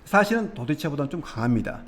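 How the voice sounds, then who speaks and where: A man's voice: a little high, sing-song, fast talker. A man teaching English expressions, explaining nuances patiently and step by step, often asking the viewer questions.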